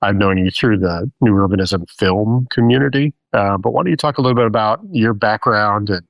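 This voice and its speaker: A man's voice: fairly low pitch, a little fast, creaky, no echo, dull audio. A man hosting a podcast interview, chatty and friendly, with frequent uh fillers. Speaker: podcast host.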